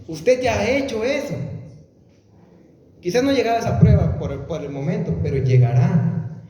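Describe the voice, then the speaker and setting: A man's voice: high-pitched, animated, normal speed, dark tone. A man preaching a sermon and questioning the congregation directly. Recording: echoey hall, faint noise.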